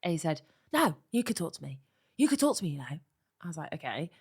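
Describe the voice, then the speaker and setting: A woman with a deep, husky voice talks fast as a co-host on a comedy podcast, telling an anecdote in casual chat. She's an animated storyteller who acts out the quotes and laughs a lot.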